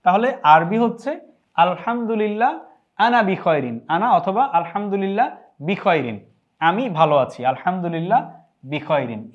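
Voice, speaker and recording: A man teaching phrases in an online lesson, patient and repeating each phrase slowly and clearly. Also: high voice, dull audio. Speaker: language teacher.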